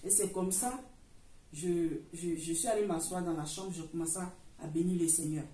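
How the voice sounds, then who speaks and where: A middle-aged woman gives a church testimony, her voice mellow and dark. She tells it earnestly and repeats herself often, restarting her sentences. She is heard from some way off the microphone in an echoing church hall, with faint noise behind her. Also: fairly low pitch, moderate pace. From Africa. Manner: earnest, repetitive storytelling with many restarts. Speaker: church member giving testimony. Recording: roomy echo, far from the mic, faint noise.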